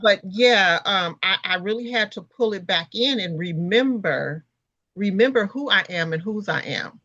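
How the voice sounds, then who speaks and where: A woman co-hosting a podcast in casual chat, pausing often with fillers and restarts. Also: medium pitch, animated, sharp tone, dry recording, muffled recording. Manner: halting, many restarts and fillers. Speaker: podcast co-host.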